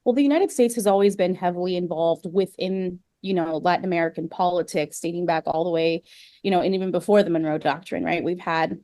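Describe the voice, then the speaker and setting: A woman's voice: on the low side, fairly quick, mellow, dry recording, clean studio sound. A young adult woman from Venezuela, a historian talking casually in an interview, with many fillers and restarts. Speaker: guest historian.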